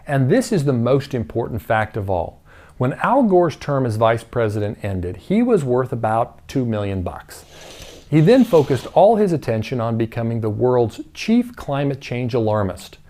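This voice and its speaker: A man's voice: mid-range voice, dark tone. A man giving scripted opinion narration in a sarcastic tone, with pointed rhetorical questions. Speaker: commentary narrator.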